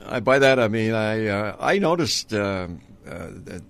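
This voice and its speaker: A man's voice: lowish voice, big pitch swings, a little slow, a bit bright. Older man, retired announcer reminiscing. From Minnesota. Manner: rambling, many ums and uhs, chuckling. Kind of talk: reminiscing interview talk.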